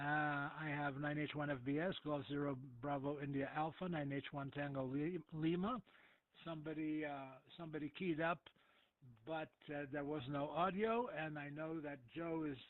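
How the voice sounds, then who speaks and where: A man hosts an amateur radio net in an unhurried, halting way, often stopping to gather his thoughts. His slightly high voice comes through a thin, tinny radio transmission with a close, dry sound and no room around it. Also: no echo. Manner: easygoing, hesitant, many filler pauses. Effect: narrow two-way radio transmission. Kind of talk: casual on-air radio net chat.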